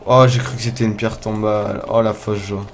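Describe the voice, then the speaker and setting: A young man giving casual let's play commentary, excitable, swearing often, talking to his viewers, with loud startled outbursts. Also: fairly low pitch, a little fast, a little hiss or hum. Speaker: gamer playing a survival game. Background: faint game music.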